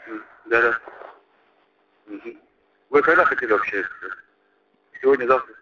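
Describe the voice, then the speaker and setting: A man talking business casually over a landline phone, hesitant and halting, with vague answers. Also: medium pitch, bright, forceful tone, husky. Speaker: recruiter taking a phone enquiry. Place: on a telephone line. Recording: muffled landline phone call, noisy line.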